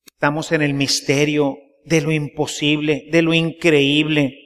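A man's voice: on the high side, little pitch movement, measured pace, fairly bright tone, big-room sound. A man preaching a sermon, telling stories in a folksy way and often checking that the congregation follows. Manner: folksy storytelling, keeps asking the congregation to agree. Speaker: priest.

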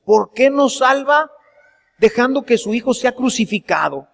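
Priest, high tenor, earnest sermon with questions to the flock, long church reverb. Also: male voice, animated, unhurried, gravelly, fairly bright tone. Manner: earnest preaching with rhetorical questions to the congregation.

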